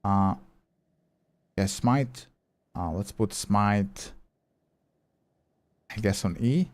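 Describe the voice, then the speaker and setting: A man with a slightly low voice streaming a game live. He chats loosely with his viewers between moves and thinks out loud about what to try next, dropping the odd curse along the way. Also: very slow. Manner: chatty, answers viewer chat while playing; swears casually, thinks aloud. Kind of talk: casual live gameplay commentary.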